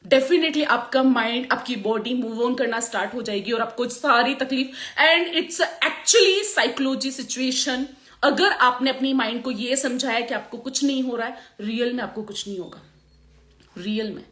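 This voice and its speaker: High-pitched woman with a sore throat, chatty and laughing on a live stream, roomy echo. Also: a little slow. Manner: animated, laughs often, repeats herself. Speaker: makeup artist on a live stream. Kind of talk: motivational live chat.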